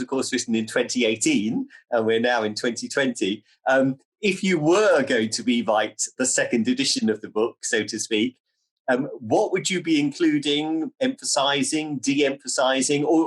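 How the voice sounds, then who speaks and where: A man interviewing a guest, asking questions haltingly and repeating his words. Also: medium pitch, animated, husky.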